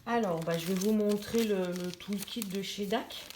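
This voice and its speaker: A woman's voice: medium pitch, measured pace. A woman talks casually through an unboxing, hesitant and chatty, full of fillers and restarts. Her voice rings in an echoey room with plain background noise. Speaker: diamond painting vlogger. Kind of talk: casual unboxing chat to camera.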